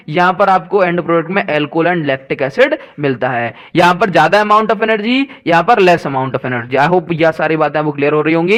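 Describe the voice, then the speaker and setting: High-voiced man teaching science. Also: fairly bright tone. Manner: repeats key terms and asks quick questions back to students; mixes Hindi with English science terms. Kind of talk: revision lesson for school students.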